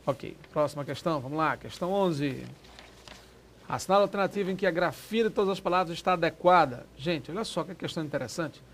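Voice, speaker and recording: A man teaching a Portuguese exam prep lesson in a lively, quick, informal way, often checking that the class follows. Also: on the high side, slight background noise.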